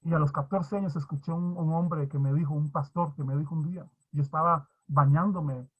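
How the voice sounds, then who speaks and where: A man's voice: on the high side, steady tone, fairly quick, breathy edge. A male pastor preaching a sermon and telling his own testimony, fervent and emotional, repeating phrases and restarting often. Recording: dull lo-fi recording.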